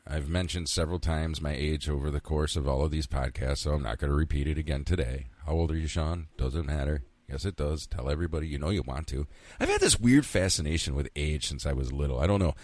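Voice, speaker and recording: With no room sound at all, this solo podcast host, a man in his fifties, rambles casually, muttering to himself and cursing occasionally. His very deep, darkish voice moves fast with few pauses.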